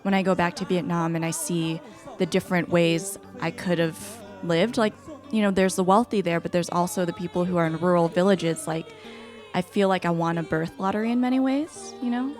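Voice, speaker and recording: A young woman from the United States hosting a casual chat, telling stories in a playful, animated way. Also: on the low side, brisk, faint music behind. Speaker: host.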